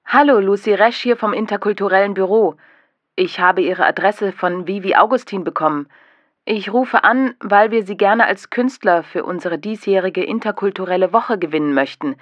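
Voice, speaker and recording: A woman calling and leaving a message on an answering machine, reading out numbers slowly and clearly. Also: medium pitch, no echo. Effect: message left on an answering machine. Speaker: caller. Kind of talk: scripted voicemail message. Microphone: telephone. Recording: dull lo-fi answering machine tape.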